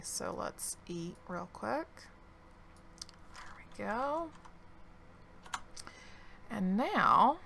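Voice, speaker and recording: Woman, gaming commentator, slow and unhurried, fry in the voice, slightly hoarse. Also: medium pitch, pushed and bright, a little hiss or hum. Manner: slow, thinking aloud while playing. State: losing her voice, clearing her throat. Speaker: gaming video creator. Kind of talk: relaxed let's-play commentary.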